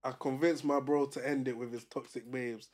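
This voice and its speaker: A man's voice: mid-range voice, steady tone, moderate pace, a little mellow. A young man with a London roadman accent, co-hosting a podcast in casual street slang. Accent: London, roadman street style. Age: young adult. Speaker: podcast co-host.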